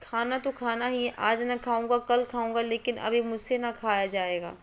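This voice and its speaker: A proud young village husband sulks and mutters in a brooding, weary way. The part is read in a storybook by a woman narrator, pitched a little high. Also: little pitch movement, moderate pace, lightly acted. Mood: irritable.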